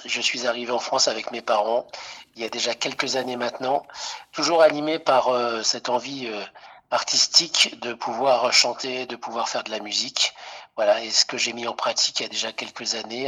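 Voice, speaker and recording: A man's voice: medium pitch, fairly even intonation, brisk, bright, forceful tone, breathy edge, low-quality recording. A middle-aged man from Italy, a singer-songwriter guest on a radio interview, speaking hesitantly with many fillers and restarts.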